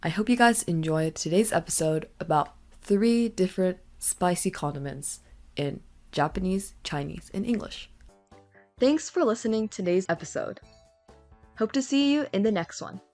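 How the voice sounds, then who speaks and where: A woman's voice: lowish voice, animated, normal speed, long pauses, a little mellow, faint music behind. A woman hosting a casual language lesson podcast, explaining in a chatty way with fillers and asides. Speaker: podcast host.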